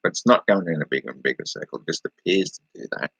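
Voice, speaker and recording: Aussie bloke rambling on a stream, husky, dry close sound. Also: male voice, low voice, quick pace, a bit bright, dry recording, low-quality recording. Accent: Australian. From Australia. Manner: rambling, laughing, talking back to chat. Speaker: livestreamer answering chat. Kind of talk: casual livestream chat.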